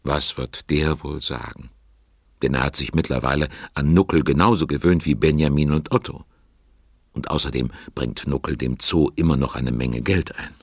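A man with an extremely deep, gravelly voice narrates a children's audio drama in a gentle storytelling way. His tone is husky, and it sounds close and dry, with no room around it. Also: moderate pace, no room sound.

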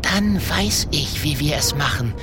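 A woman voicing a clever, eager little boy dragon, speaking in an excited, quick-thinking way. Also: fairly low pitch, music in the background, voice pushed up.

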